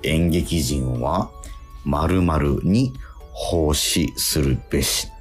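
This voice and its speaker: With a rumbling low voice, a man hosts a casual radio talk and poses quiz questions, repeating himself haltingly and slowing down to stress key phrases. Faint music plays behind him.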